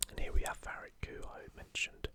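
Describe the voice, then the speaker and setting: Speaking a little fast, a male gaming ASMR creator keeps to a soft, breathy, unvoiced whisper. He offers casual commentary and reads passages aloud.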